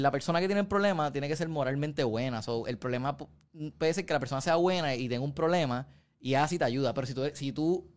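A man, animatedly retelling a show's plot in casual chat and mixing in English words. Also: on the high side. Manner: animated storyteller, mixes English into Spanish.

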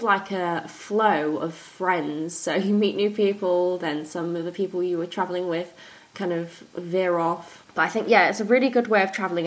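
A woman's voice: lowish voice, low-quality recording. A young woman presenting a podcast like an upbeat morning show host, chatty and informal as she explains things. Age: young adult.

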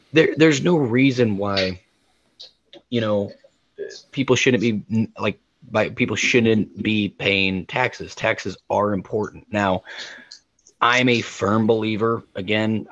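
A man's voice: on the low side, no echo. Guy ranting hard on a podcast, repeats himself, muffled dry mic. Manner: heated, ranting, repeats words for emphasis. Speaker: podcast co-host. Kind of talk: heated opinion talk.

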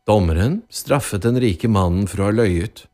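A man narrating a children's storybook radio play in a lively, drawn-out storytelling manner. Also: fairly low pitch.

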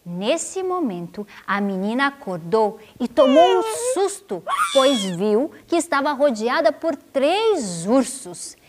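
A woman telling a children's story, expressive and playful, drawn out, with asides to her young listeners. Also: high-pitched, slow pace, few pauses, very noisy.

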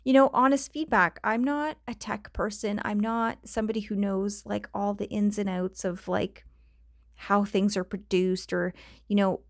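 Rambling and laughing frequently, this Canadian woman chats on her own podcast through a cheap home microphone, often going off on tangents. Her mid-range voice keeps a fairly even intonation at normal speed; the sound is dry and studio-clean.

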